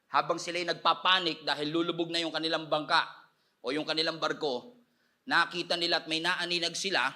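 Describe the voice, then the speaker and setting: A man from the Philippines preaching a sermon as pastor, animated and switching into English, with loud shouted peaks. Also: on the high side.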